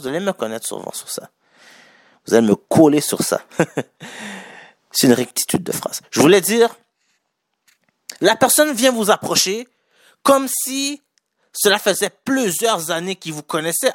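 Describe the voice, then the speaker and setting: Québécois guy chatting business tips, bit higher voice, stops to fix his own words, dry close sound. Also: no echo. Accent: Québécois French. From Quebec. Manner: chatty, corrects his own wording, laughs lightly. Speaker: business advice speaker. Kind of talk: casual spoken advice to viewers.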